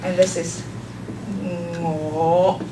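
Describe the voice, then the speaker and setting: Speaking extremely slowly, this young Cantonese-speaking woman from Hong Kong has a lowish, flat voice and hesitates a lot, with many ums and light laughter. She is a volunteer language teacher giving a live lesson. The camera sits far away in an echoey, noisy classroom.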